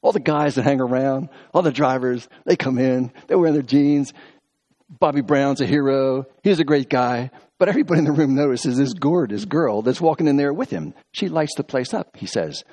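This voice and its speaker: A man preaching a sermon, telling stories and reading scripture, moving between quick asides and slow, emphatic phrases. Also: mid-range voice, a little mellow. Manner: reads scripture aloud within the talk. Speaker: pastor.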